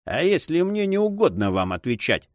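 Man playing scornful aristocrat, ironic, cold, swooping pitch, dry mic. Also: sing-song, moderate pace, no echo. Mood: mocking. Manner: ironic and haughty. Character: mocking, cold male nobleman. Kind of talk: audiobook reading.

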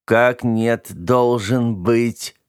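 A man voicing a slimy, gurgling mud villain who draws out his words and shouts. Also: mid-range voice, fairly even intonation, clean tone, dry recording, studio quality, pitched above the performer's own voice. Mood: menacing whiny. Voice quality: gurgling, drawn-out.

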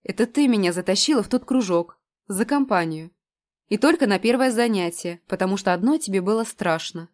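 A woman's voice: mid-range voice, animated, fairly quick, darkish tone, natural voice. Woman playing a dry, sarcastic young woman.

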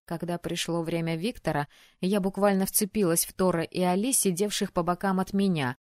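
A woman reading first-person narration of an audiobook in a lively, expressive storytelling manner, close to the mic. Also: on the low side, a little fast, no echo.

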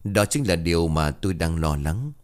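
A man voicing a young man who explains ghostly matters calmly and cautiously. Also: deep voice, moderate pace.

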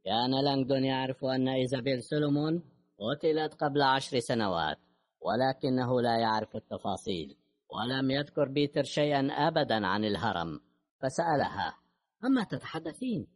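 A man narrating an audiobook novel in a steady, measured reading voice. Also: medium pitch, dry recording, clean studio sound. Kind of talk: scripted narration.

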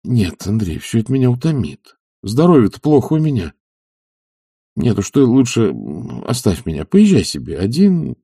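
A man voicing an idle, sighing gentleman who whines and dodges in a reluctant, drawn-out way. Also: medium pitch, huge pitch swings, creaky, breathy edge, no room sound, clean studio sound, full character voice. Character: lazy, sighing gentleman, plaintive and evasive.

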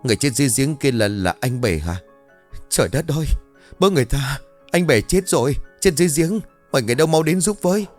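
A man voicing a loud, panicked village woman who wails and shrieks for help in a spoken ghost story. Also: mid-range voice, lively intonation, fast talker, few pauses, soft background music, natural voice. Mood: screaming.

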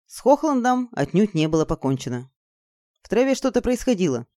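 A woman with a medium-pitched voice reads a scripted audiobook aloud in an expressive, measured storytelling manner. The studio sound is clean, with no room sound.

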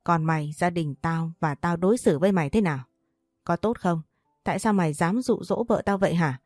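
A woman's voice: lowish voice, brisk, darkish tone, no echo, studio quality, faint music behind, natural voice. A woman reading a furious stern old master. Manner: harsh, commanding, interrogating. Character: enraged stern older male household master.

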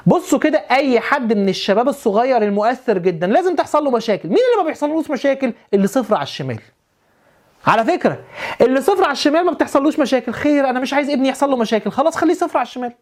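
A man with an Egyptian Arabic accent giving a religious lesson, often repeating phrases and putting rhetorical questions to his listeners. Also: very high-pitched. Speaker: preacher.

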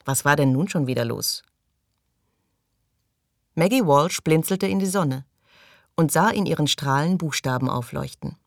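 A woman narrating an audiobook in calm, even storytelling, recorded close in a studio booth. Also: low voice, measured pace, gravelly, pauses often, no room sound. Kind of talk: scripted narration.

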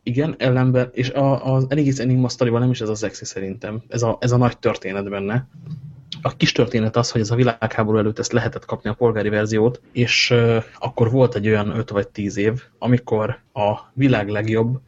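A man trading jokes in casual tech banter, with a playful, mock-grand way of talking and the odd swear word for effect. His voice sits at a middling pitch. The recording is dull and lo-fi. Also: flat delivery, a little mellow. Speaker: podcast co-host.

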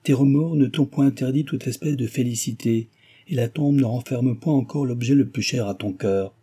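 Male reader doing a grave remorseful older man, stern declaiming, raised pitch, dark husky tone. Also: normal speed, lightly acted. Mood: severe reproach. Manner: severe, reproachful declaiming. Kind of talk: audiobook character voice.

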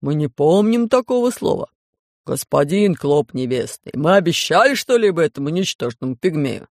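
A man voicing a smug fat male priest who lectures slowly and calmly in an audiobook. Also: fairly high pitch, no echo, studio quality. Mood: mocking. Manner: slow, measured, lecturing.

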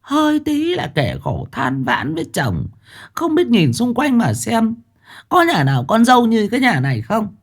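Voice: medium pitch, wildly swooping pitch, voice pushed up. A storyteller voicing a domineering elderly mother-in-law who berates her daughter-in-law in a shrieking tirade. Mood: cajoling. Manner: shrieking, rapid-fire tirade.

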